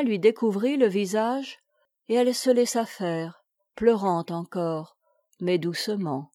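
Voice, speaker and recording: A woman narrating a classic novel as an audiobook in a measured, even storytelling voice. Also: mid-range voice, no room sound, studio quality. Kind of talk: literary audiobook reading.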